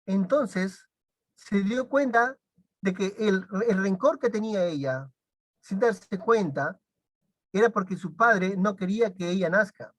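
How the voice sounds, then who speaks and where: A woman, teaching at a church discipleship class and retelling a story full of quoted dialogue, with halting restarts. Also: mid-range voice, no echo. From Peru. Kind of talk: sermon storytelling.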